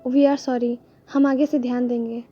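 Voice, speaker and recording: A woman voicing a gentle, caring young elder sister in a read-aloud story, speaking softly and patiently. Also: fairly high pitch, level tone, unhurried, husky, lo-fi sound, soft background music.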